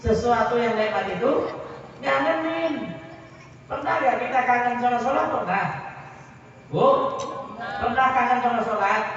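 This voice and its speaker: A man with a Javanese accent preaching a lively sermon, telling stories and firing rhetorical questions at his audience. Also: very high-pitched, a little slow, pauses often, a little hiss or hum. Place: large hall at a religious gathering. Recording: echoey hall recorded from far off, dull.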